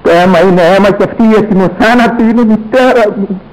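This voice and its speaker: A man's voice: high-pitched, a little mellow, natural voice, rough recording. An actor playing a young man who is a horrified, grieving son, speaking in anguished, pleading outbursts. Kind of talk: theatrical radio drama acting.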